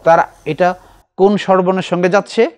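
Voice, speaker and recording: A middle-aged man teaching a recitation class, explaining slowly and asking his students questions. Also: high voice, fairly even intonation, a little mellow, clean tone.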